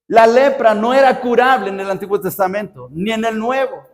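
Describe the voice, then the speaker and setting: High-voiced Mexican pastor preaching in a hall. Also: male voice, normal speed. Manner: preaching with emphatic rhetorical questions. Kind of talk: sermon. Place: church. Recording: reverberant church hall.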